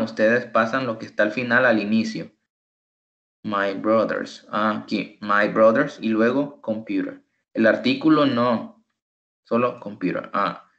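A man tutoring an online English lesson in Spanish, who patiently repeats each example phrase slowly. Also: on the low side, fairly bright tone. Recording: echoey room, dull lo-fi sound.

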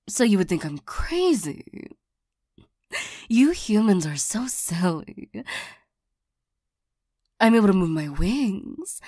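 A woman voicing a flirtatious, lonely female demon in an ASMR role-play, soft and partly soft-spoken, coaxing and teasing, easily irritated. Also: mid-range voice, no room sound, clean studio sound. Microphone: close microphone.

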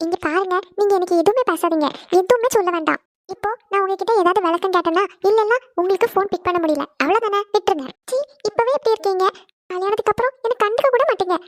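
A woman voicing a spoiled young bride from a rich family in a cartoon, talking quick and pouty. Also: very high-pitched, no echo. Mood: sulking. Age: young adult. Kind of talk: cartoon voice acting.

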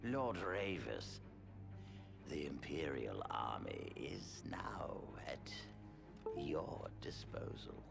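An actor playing a grave, imperious old ruler with a gravelly voice in a dramatic video game cutscene. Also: male voice, a bass voice, very animated, extremely slow, music in the background, full character voice. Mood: grave, commanding.

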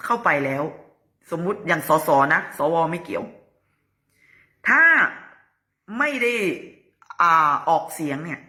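Lady doing casual news commentary on her channel, bright tone, asks pointed questions. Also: lowish voice, sing-song, a little slow, long pauses.

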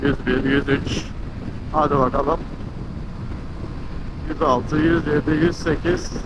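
A man from Turkey rides outdoors and vlogs from inside his helmet, his fairly high voice slightly muffled, fairly even in intonation and slow. He's casual and upbeat, talking both to viewers and to his bike. Wind and engine noise come through the helmet mic, along with wind and vehicle sounds around him.

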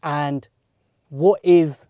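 A male podcast host asks his questions in a relaxed, slangy way, dropping "bro" often. His voice sits a bit high for a man. The studio sound is dry and close. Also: extremely slow, no echo. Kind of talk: casual interview chat. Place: small recording studio, seated on a sofa.

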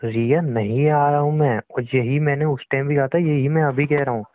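A man's voice: a little high, steady tone, moderate pace, no room sound, lightly acted. A young man playing a frustrated boyfriend who tries to reason with his girlfriend on a phone call in a scripted drama. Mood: exasperated. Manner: exasperated, pleading, reasoning. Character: frustrated young boyfriend, defensive but trying to stay calm. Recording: dull, dry lo-fi recording.

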